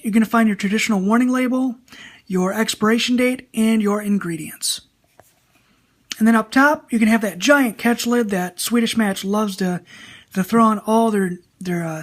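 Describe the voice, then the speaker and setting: A woman giving a casual video product review, talking straight to viewers. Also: medium pitch.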